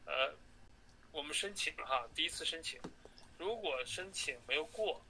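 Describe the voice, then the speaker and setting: A man working as an immigration agent, heard through a recorded phone call, pitching his services. He fills his talk with hesitant filler sounds while he reassures the listener. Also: expressive, normal speed, gravelly, bright, forceful tone, slight background noise.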